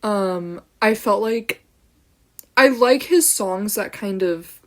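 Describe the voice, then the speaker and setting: A woman's voice: medium pitch, takes it slowly, fairly bright tone. Bubbly rambling young woman podcaster. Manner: drifts off on tangents and giggles. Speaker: podcast host. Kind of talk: casual solo podcast chat. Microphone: own camera.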